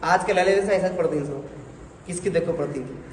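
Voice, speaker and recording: A man's voice: a little high, a little fast. A religious teacher demonstrating prayer steps to a group of learners, correcting and coaxing them as he goes. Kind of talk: hands-on prayer instruction. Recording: echoey hall, faint noise.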